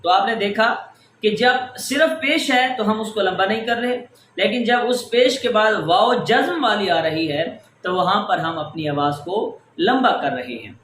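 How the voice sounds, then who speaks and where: In an echoey room with faint ambience and a little hiss or hum, a male Quran recitation teacher delivers a tajweed lesson. He explains every rule patiently and step by step, elongating example words in a high-pitched, expressive, fairly bright voice.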